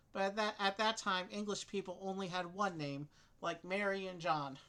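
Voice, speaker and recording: A woman reading game clue texts aloud and chatting casually with a co-player about solving a mystery. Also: medium pitch. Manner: steady, clear reading of clue text.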